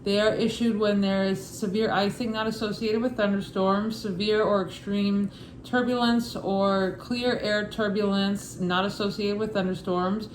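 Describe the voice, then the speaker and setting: A woman with a Brooklyn accent reads study material aloud like an informal lesson. Her delivery is casual and matter-of-fact, at an average pitch. The room rings with echo, and there is faint noise in the background. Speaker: instructor reading a study guide.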